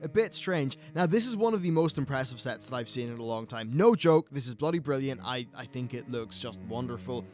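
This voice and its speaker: A man's voice: medium pitch, animated, fairly quick, hardly any pauses, darkish tone, faint music behind. A man with a British accent giving casual, conversational and opinionated commentary as a gaming video host.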